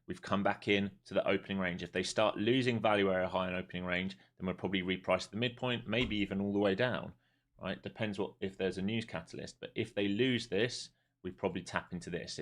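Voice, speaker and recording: This day trader speaks fairly quickly in a low, fairly bright voice, chatting bluntly and casually with his stream as he trades live. He's a European man in his 40s.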